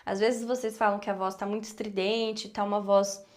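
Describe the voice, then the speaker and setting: A woman's voice: mid-range voice, little pitch movement, moderate pace, darkish tone. A woman with a Brazilian Portuguese accent teaching a singing lesson, explaining patiently and checking in with her students often.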